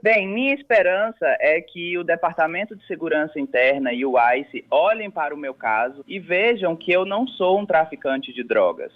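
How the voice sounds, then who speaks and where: A man from Jamaica speaks on speakerphone, his slightly raised voice squeezed into a thin, tinny phone line. He talks in a sober, earnest, measured way, answering an interviewer's questions. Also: a little high, expressive. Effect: heard on speakerphone over a phone line.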